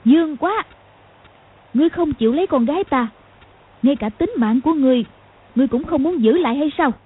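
Woman voicing a domineering old matriarch, scornful, threatening, raised husky voice, tinny lo-fi sound. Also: high-pitched, expressive, a little fast, a little hiss or hum, voice pushed up. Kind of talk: audiobook reading.

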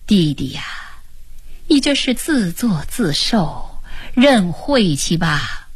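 A woman voicing a gentle older brother who chides his foolish sibling in a radio drama story. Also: mid-range voice, slow, slightly rough, no echo, heavily acted. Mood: chiding. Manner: calm, chiding. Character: gentle elder brother, pitying and wry.

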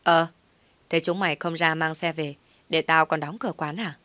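Woman reading a rough, barking older man, low voice, dry sound. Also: steady tone, normal speed, no echo. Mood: gruff. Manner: shouting, rough. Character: gruff older man running a car wash.

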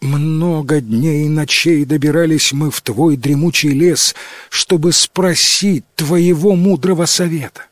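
A man's voice: on the high side, unhurried, no echo, studio quality, pitched above the performer's own voice, lightly acted. A man voicing a brave young woman in a storybook reading, pleading earnestly and politely.

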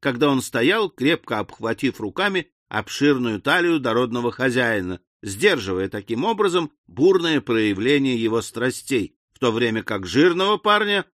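A man narrating a classic comic novel as an audiobook, with a measured, expressive reading. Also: mid-range voice, dry recording, studio quality.

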